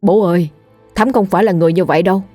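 A determined young man begging his parents, insistent and earnest, voiced by a woman reading the story aloud. The delivery is low and dry. Soft music plays under it. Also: rapid-fire, dry recording, lightly acted. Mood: pleading. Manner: pleading, insistent. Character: determined grown son pleading with parents.

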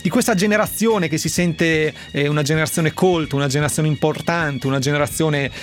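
A man's voice: on the high side, a little fast, faint music behind. A man hosting a radio talk show, introducing topics and guests in a rambling way with many restarts. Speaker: radio host.

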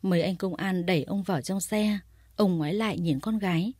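Woman narrator, low voice, dark husky tone, dry close sound, steady storytelling. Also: fairly quick, no echo.

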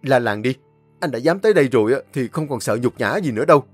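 A man's voice: medium pitch, expressive, quick pace, slightly rough, dry recording, soft background music. A man voicing a drunk, insistent ex-husband. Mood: pushy. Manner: insistent, pleading.

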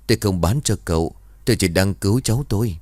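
A man voicing a ghostly old village woman who speaks in a halting way. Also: low-pitched, a little mellow, no echo, lightly acted. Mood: eerie. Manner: halting, slow-spoken.

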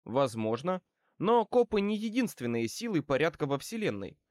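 A man's voice: on the high side, moderate pace, no room sound, voice pushed up. Man voicing a wry wizard detective. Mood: wry, cool. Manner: wry, calmly threatening. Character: male wizard private eye, dry and wry.

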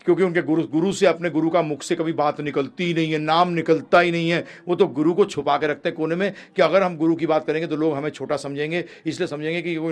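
Addressing the audience as prabhu ji, this preacher delivers a Gita discourse that climbs to loud, forceful highs and drops into fast, quiet asides. He poses questions to listeners and supplies the answers on his own.

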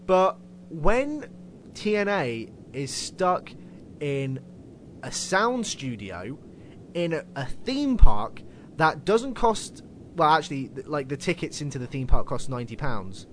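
Male podcast host, casual and sweary, slightly high voice, lively delivery. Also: slow pace, slight background noise. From United Kingdom. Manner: swears casually, laughs at own slips. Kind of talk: casual wrestling podcast chat.

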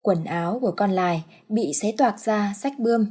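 A woman narrating an audiobook story in a steady, plain storytelling manner. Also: medium pitch, normal speed, slightly rough.

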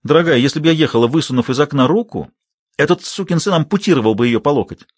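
A man's voice: animated, quick pace, no room sound, clean studio sound. A male audiobook reader voicing a brassy, wisecracking grown woman who talks bluntly and earthily. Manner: blunt, salty talk, raised pitch.

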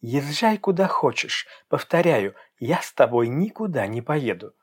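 A man's voice: medium pitch, big pitch swings, measured pace, slightly rough. A man voicing a cold, scheming young woman in an audiobook, speaking scornfully and defiantly. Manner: icy, scornful, then feigning pain. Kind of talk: audiobook character voice.

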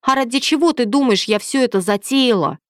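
A woman's voice: fairly high pitch, brisk, no room sound, clean studio sound, pitched above the performer's own voice, lightly acted. A woman reading aloud, voicing a pushy, scheming young woman of thirty who talks in an insistent, demanding way.

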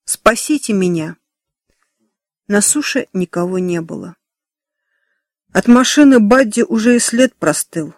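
A man narrating a children's novel in a steady, expressive storytelling manner. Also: high-pitched, measured pace, dry recording, studio quality. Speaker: audiobook narrator. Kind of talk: scripted narration.

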